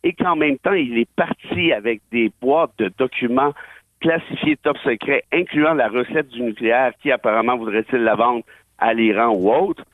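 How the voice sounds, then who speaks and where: He speaks at a moderate tempo in a medium-pitched voice, heard through a tinny phone line that is dry with no echo. A Québécois political and legal commentator, he offers emphatic, opinionated radio takes sprinkled with wry asides.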